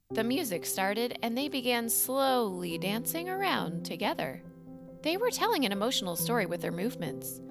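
A woman narrating a children's storybook in an animated, expressive way. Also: medium pitch, creaky.

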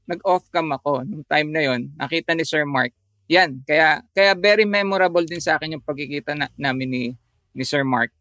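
A man with a fairly high voice tells a story in relaxed conversation as a photographer guest. He talks in a halting way, with fillers and restarts. The sound is dry and close, with no room echo. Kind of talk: casual chat, telling a story.

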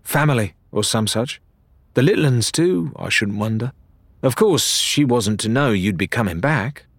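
A man voicing a brusque, sharp-tongued woman who keeps a tavern, in a storybook reading. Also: mid-range voice, lively intonation, moderate pace, no room sound, studio quality. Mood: blunt.

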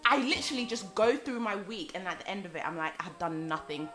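A woman's voice: medium pitch, animated, fast talker, bright, forceful tone, faint music behind. A woman hosting a podcast, chatting in an upbeat, casual way. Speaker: podcast host. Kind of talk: casual chat.

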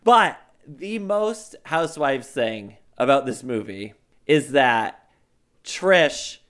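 A man co-hosting a podcast in casual chat, making wry deadpan jokes and steering the talk with questions. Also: medium pitch, takes it slowly. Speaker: podcast co-host.

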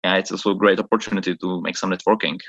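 A Czech chief of staff, interviewed for a podcast by call from his office in Prague, talks rapid-fire yet hesitantly, searching for words. His deep voice is steady, fairly bright, and slightly rough, and the audio is dull.

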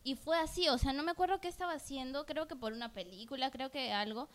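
A woman's voice: high-pitched, fast. A woman co-hosting a podcast, speaking in earnest, open and personal long turns in casual conversation. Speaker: podcast co-host.

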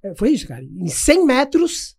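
A man chats on a casual podcast and tells a story with animated energy. He repeats his phrases as he builds it up. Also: extremely high pitch, moderate pace, vocal fry, husky. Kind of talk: casual chat.

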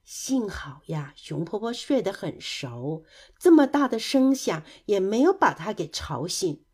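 A woman narrating a children's story in a lively, expressive storytelling manner. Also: mid-range voice, a little slow.

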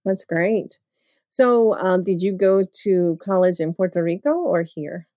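A woman's voice: fairly low pitch, animated, measured pace, warm tone, no room sound, studio quality. A woman hosting an interview podcast, reading a scripted intro and then asking loose questions with fillers. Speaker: podcast host.

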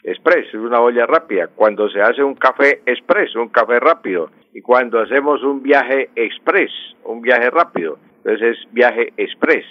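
A man's voice: medium pitch, dry recording. Male language expert, patient explainer, dry and dull radio sound. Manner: patient, explanatory, repeats words slowly.

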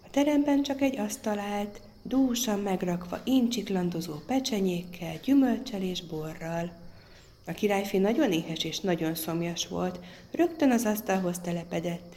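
A woman storyteller reading a fairy tale aloud in a lively, expressive way. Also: mid-range voice, slight background noise.

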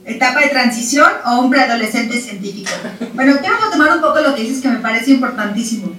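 A woman explaining child development in a lively chat, repeating words for emphasis and acting out parents and children. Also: fairly high pitch, fast. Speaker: parenting expert guest. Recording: roomy sound from a distant mic.

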